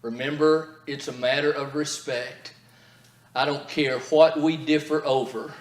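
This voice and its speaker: A man's voice: on the high side, steady tone, measured pace. A middle-aged man giving a marriage seminar in a church, telling stories earnestly. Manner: earnest storytelling. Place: church hall. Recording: echoey church hall.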